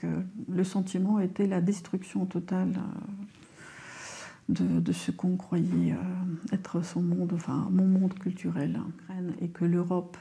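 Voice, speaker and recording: Low gravelly woman from Ukraine. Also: expressive, warm tone. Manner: halting, emotional, many fillers. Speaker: lawyer giving a testimony. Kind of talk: recorded video testimony.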